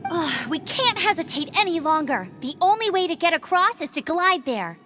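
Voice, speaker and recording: A woman voicing an eager, proud young female scout in a game, energetic and quick to scold. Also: very high voice, over music. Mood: determined.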